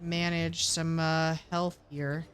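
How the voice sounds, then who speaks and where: A woman's voice: low voice, flat delivery, slow pace. A woman streaming a game with casual, slangy live commentary, often talking to the characters on screen.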